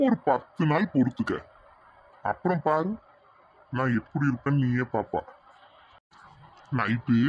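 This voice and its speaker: A man's voice: medium pitch, highs cut off, a little hiss or hum, natural voice. A man voicing a lazy, food-loving husband in a cartoon, coaxing and easygoing. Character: lazy husband who drinks and craves food.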